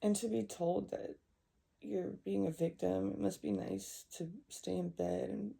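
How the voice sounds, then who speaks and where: Distressed young woman venting, gravelly and dark. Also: medium pitch, fairly even intonation. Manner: upset, halting, repeating herself. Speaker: vlogger. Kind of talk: emotional personal vent.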